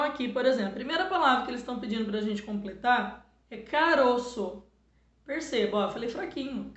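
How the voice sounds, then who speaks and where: A middle-aged woman teacher with a Brazilian Portuguese accent, patiently explaining a spelling lesson to children and sounding words out slowly. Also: sits high, fairly bright tone. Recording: echoey room, dull lo-fi sound.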